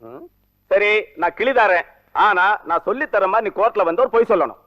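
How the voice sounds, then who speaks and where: An actor playing a scheming lawyer who speaks in brisk, curt lines. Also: male voice, high voice, highs cut off, lightly acted. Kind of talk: film drama dialogue.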